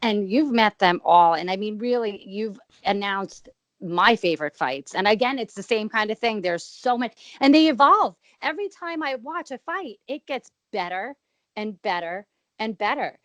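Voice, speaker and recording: A woman's voice: medium pitch, lively intonation, normal speed, fairly bright tone, no room sound. Effusive woman interviewer in a dry setting. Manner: effusive, stressing words by repetition. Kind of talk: casual, conversational interview.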